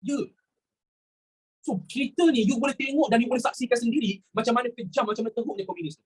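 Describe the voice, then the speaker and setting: Talking fast in a very high, slightly rough voice, this teacher has a Malaysian Malay accent. He delivers a chatty history lesson sprinkled with English words, posing rhetorical questions and repeating himself.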